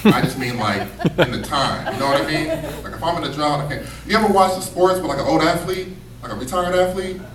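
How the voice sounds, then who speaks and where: A man's voice: on the high side, brisk. A man doing a stand-up set in a comedy club, telling stories in a laid-back, conversational way with slangy asides. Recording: echoey club from a distance, noisy room. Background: audience laughter.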